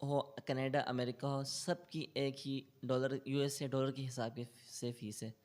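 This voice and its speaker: This Quran tutor, a man with a Pakistani Urdu accent, has a medium-pitched, steady and somewhat mellow voice. He answers interview questions and patiently explains tajweed using English loanwords, reciting in a slow, melodic chant.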